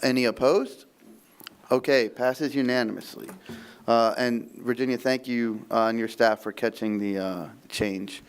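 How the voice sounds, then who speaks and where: A man's voice: mid-range voice, fairly even intonation, a little slow, clear, resonant tone. A man chairing a public committee meeting in an easygoing, lightly joking way.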